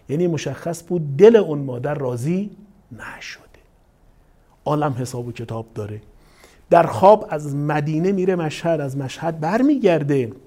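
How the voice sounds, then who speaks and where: A middle-aged male cleric delivers a sermon in a somewhat high but dark, mellow voice. He tells stories animatedly, slipping into the quoted speakers' voices as he goes. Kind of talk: sermon with storytelling.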